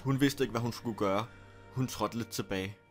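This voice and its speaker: A man narrating a scary story in a steady, deliberate storytelling manner. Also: medium pitch, soft background music. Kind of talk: scripted horror story narration.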